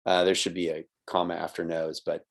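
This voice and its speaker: Man, very low voice, online lesson, patient explaining, chatty check-ins, computer mic. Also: level tone, brisk. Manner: conversational, checks in with "right?" and "okay?"; explanatory, patient, with little laughs. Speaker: college writing instructor. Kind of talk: recorded online lesson with screen share.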